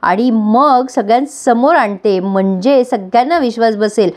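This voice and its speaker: A woman's voice: a little high, measured pace, darkish tone, natural voice. A woman voicing Appu, a coaxing young wife. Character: young pregnant woman, clever and affectionate.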